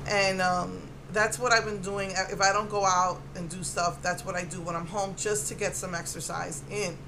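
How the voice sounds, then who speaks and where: A woman's voice: on the low side, steady tone, normal speed. A middle-aged woman giving a casual, rambling personal update, venting in an emotionally drained way. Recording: clearly noisy ambient background.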